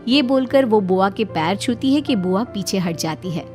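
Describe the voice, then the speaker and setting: A woman giving steady, scripted narration for a cartoon moral story. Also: medium pitch, moderate pace, soft background music.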